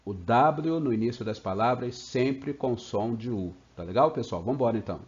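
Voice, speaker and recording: A Brazilian man teaching English in a playful video lesson, slowly stretching out example sounds. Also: medium pitch, lively intonation. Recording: slightly dull lo-fi sound.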